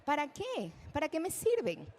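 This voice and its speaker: A woman giving a lecture at a live event, animated, asking the audience questions and acting out examples. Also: moderate pace. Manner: acts out children's speech in a high voice. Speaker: speech therapist giving a talk. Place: event hall.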